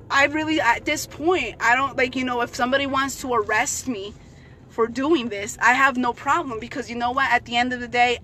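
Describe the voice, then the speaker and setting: Her phone held out at arm's length in a parked car, a thirty-something woman preaches to her viewers, repeating praise with the fervor of a street evangelist in a casual vlog. Her voice is on the high side, bright and forceful, and faint background noise can be heard.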